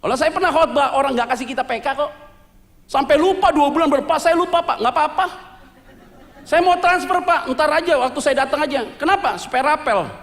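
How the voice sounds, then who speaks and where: Male pastor, high-pitched, animated storyteller, church reverb. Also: brisk. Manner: lively storytelling with jokes, mixing Indonesian slang and English words. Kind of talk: sermon testimony. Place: church sanctuary.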